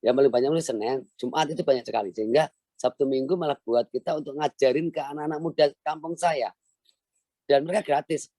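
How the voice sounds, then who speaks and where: A man's voice: medium pitch, fast, dark tone, no echo. A middle-aged man gives an earnest, motivational online lecture. He is the founder of a language village and repeats key phrases for emphasis. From Central Java, Indonesia.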